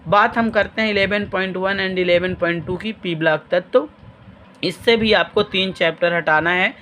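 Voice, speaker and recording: High-voiced man teaching chemistry. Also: normal speed, a bit bright, slight background noise. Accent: Hindi-speaking Madhya Pradesh. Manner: explanatory, directive, addresses students plainly. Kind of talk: screen-share exam lesson.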